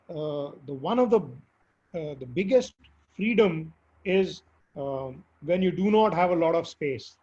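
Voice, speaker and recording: A man with a hoarse, squeaky voice from recent illness, answering interview questions earnestly and emphatically. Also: darkish tone. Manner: earnest, emphatic advice with fillers. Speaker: guest speaker. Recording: dull lo-fi audio.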